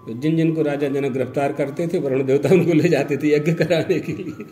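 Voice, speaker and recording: A man's voice: fairly high pitch, fairly even intonation, brisk, warm tone, a little hiss or hum. An older man, a religious storyteller, retelling a devotional tale with quoted dialogue and chuckling asides. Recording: echoey room with faint music.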